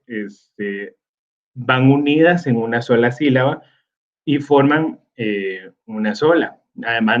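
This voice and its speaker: A man teaches a recorded slide lesson at a slow, unhurried pace. He stops often on small hesitations as he gathers his thoughts. The audio is dull and lo-fi. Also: mid-range voice. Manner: slow, with many fillers like "este" and "eh".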